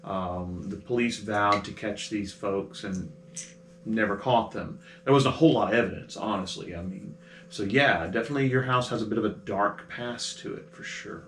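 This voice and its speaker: A man's voice: fairly low pitch, normal speed, fairly bright tone. Man narrating as game master, roomy. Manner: casual, filler-heavy, chatty narration. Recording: roomy with faint noise.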